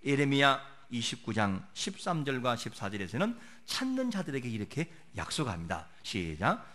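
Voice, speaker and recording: A man preaching a sermon as a pastor, asking rhetorical questions and moving between soft and loud delivery. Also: mid-range voice, big pitch swings, normal speed.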